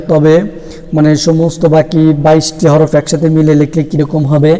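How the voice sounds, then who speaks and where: A man teaching a Quran reading lesson, slowly naming and chanting Arabic letters one by one for his viewers. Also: on the high side, long reverb tail. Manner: slow, even, drawn-out delivery, letters chanted one by one. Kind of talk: slow step-by-step lesson, reciting Arabic letters.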